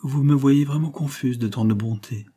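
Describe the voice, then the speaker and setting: A man voicing a gentle, melancholy young mother in an audiobook, speaking softly and modestly. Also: mid-range voice, moderate pace, husky, voice pushed up, close to an everyday voice. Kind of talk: audiobook character voice.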